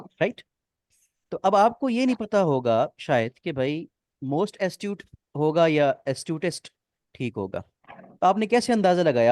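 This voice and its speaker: Guy teaching a grammar class, keeps asking "clear?", dry recording. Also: on the high side, darkish tone, dry recording. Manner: explains step by step, checks often if students follow. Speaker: English teacher. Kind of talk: online class explanation.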